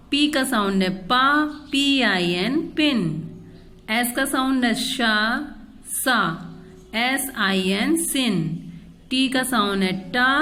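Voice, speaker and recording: A woman's voice: on the high side, bright, forceful tone. A woman teaching a phonics lesson for children, spelling each word letter by letter before saying it, mixing Hindi with English teaching phrases. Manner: spells out letters one by one, then says the word.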